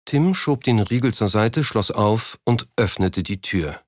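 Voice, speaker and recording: Casting: male narrator, low voice, steady and measured, dry close sound. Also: no echo. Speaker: audiobook narrator. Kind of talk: scripted narration.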